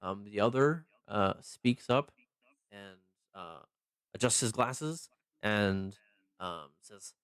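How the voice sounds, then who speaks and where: A man narrating a tabletop game as game master, improvising haltingly with many mid-sentence pauses. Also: on the low side, lively intonation, fairly bright tone, smooth, no room sound, studio quality.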